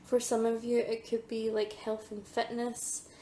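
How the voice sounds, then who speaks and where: A woman who is a psychic medium giving a pick-a-card tarot reading, hesitant with many ums, losing her voice and clearing her throat. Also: a little high, completely flat delivery, a little slow, dark tone, echoey room, slight background noise.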